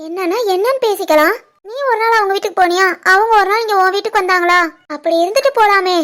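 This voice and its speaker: A woman voicing a caring young wife who comforts her husband, in an animated family drama, with a Tirunelveli Tamil accent. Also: extremely high pitch, fast talker. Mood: tender. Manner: soothing, coaxing.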